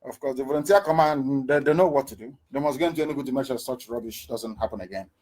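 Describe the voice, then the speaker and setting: A man's voice: mid-range voice, quick pace, a little mellow. A middle-aged man giving an impassioned political address, firing off rhetorical questions and repeating words for emphasis. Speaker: political broadcaster.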